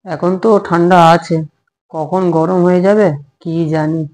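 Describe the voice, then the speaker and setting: A man playing a short-tempered young husband in a comic home drama, snapping and quick to take offence. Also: high voice, fairly even intonation, darkish tone. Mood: indignant.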